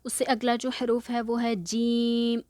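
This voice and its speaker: A patient woman teacher walks beginners through letter sounds, repeating each one slowly. Her voice sits a little high and she drops English words into her explanations. The recording is dry, with no room sound. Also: little pitch movement, a little mellow, no echo. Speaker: Quran reading teacher. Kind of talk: beginner recitation lesson.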